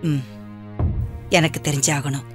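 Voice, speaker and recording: A stern, commanding doctor. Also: female voice, low voice, little pitch movement, measured pace, music in the background. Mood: coaxing. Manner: stern, then gently coaxing. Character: brisk, authoritative woman doctor.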